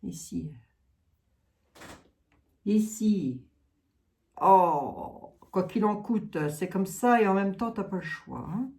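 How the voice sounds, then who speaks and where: A woman's voice: mid-range voice, animated, slow, pauses often, darkish tone. A woman with a Lorraine accent giving a tarot card reading, musing aloud with trailing asides and frequent tags. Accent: Lorraine French.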